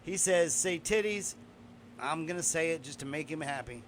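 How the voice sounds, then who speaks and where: Blunt high-voiced man ranting. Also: fairly quick, slight background noise. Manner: blunt, profane, opinionated ranting. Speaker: podcast host. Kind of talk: casual podcast chat.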